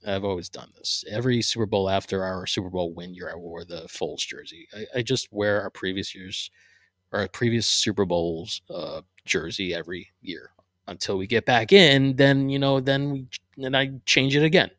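A man's voice: lowish voice, normal speed, a bit bright, no room sound, clean studio sound. A man hosting his own podcast from his living room. He chats casually and rambles, with many fillers and restarts. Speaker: podcast host. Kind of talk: casual solo podcast chat.

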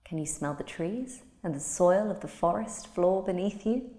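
A woman guiding a relaxation visualization in a slow, soothing, soft-spoken manner. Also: lowish voice, lively intonation. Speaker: meditation guide. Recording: roomy with long reverb.

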